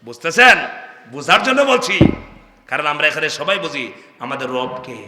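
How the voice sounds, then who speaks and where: Fiery bright-voiced man preaching in a hall. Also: fairly high pitch, big pitch swings, moderate pace, a little hiss or hum. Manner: fiery call-and-response preaching, shouting to the crowd. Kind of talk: sermon. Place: large outdoor religious gathering. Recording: echoey hall with long reverb.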